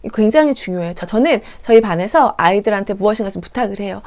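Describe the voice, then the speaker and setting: Lively, earnest woman teacher lecturing. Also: mid-range voice, fast. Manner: earnest, instructive, acts out classroom examples.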